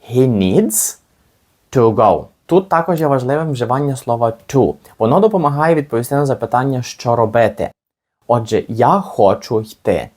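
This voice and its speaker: A man with a Ukrainian accent teaching an English lesson, explaining patiently and saying model phrases slowly for learners to repeat. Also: mid-range voice, a little mellow. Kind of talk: language lesson with slow repetitions.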